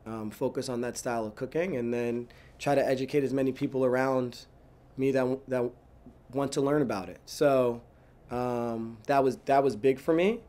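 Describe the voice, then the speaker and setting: A man in his thirties from New York, a chef answering interview questions in a casual, animated way, with frequent "like"s and restarts. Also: mid-range voice. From New York, USA. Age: 30s. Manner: animated, talks fast with many "like"s and restarts.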